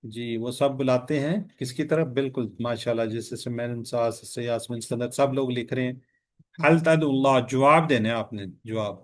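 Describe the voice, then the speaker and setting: A man's voice: medium pitch, steady tone. A man teaching an online class, patiently quizzing his students with repeated questions over a video call. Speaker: Quran and Arabic grammar teacher.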